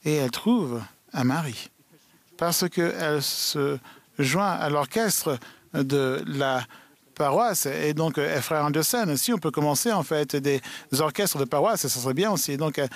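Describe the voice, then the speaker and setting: A man speaking at an event in a slightly high, gravelly voice. His delivery halts often, full of fillers and restarts. The sound is dry and close. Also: dry recording. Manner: halting, many restarts and fillers. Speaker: conference speaker. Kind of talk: live interpreted talk. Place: large event hall.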